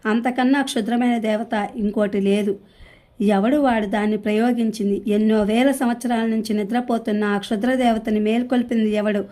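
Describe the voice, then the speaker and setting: A woman voicing a wandering male fakir mystic in a storybook reading, in her own calm, mellow voice. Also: fairly high pitch, moderate pace, close to an everyday voice. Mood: grave.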